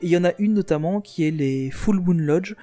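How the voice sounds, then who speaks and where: A man's voice: high voice, fairly quick, warm tone, soft background music. A man chatting on a casual podcast, enthusiastic and rambling, often restarting his sentences.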